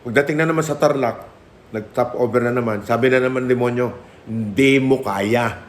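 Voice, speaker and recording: A man's voice: medium pitch, fast talker, a little hiss or hum. A middle-aged man preaching a personal testimony, mixing Filipino and English, acting out the voices in his story. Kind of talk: testimony sermon.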